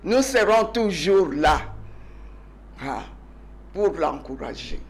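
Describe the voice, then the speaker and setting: An older woman from Congo, a guest telling her story in a TV interview, emphatic at times and dropping to soft murmurs at others. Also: on the low side, lively intonation, slow, slight background noise.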